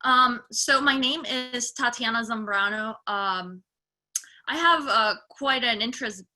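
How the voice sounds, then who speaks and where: Bright-voiced woman from Colombia. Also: a little high, a little slow. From Colombia, raised in Puerto Rico. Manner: lively and engaging, addressing the audience. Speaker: panelist. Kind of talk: webinar panel talk.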